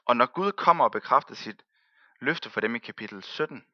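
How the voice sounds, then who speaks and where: A man preaching a sermon and telling the story in a lively way, acting out the people he quotes and laughing often. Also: mid-range voice, no echo, muffled recording.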